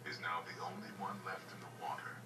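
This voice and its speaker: A man's voice: deep voice, fairly even intonation, a little fast, reverberant, far from the mic, heavy background noise. A man reading scripted narration for a nature documentary. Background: loud background music.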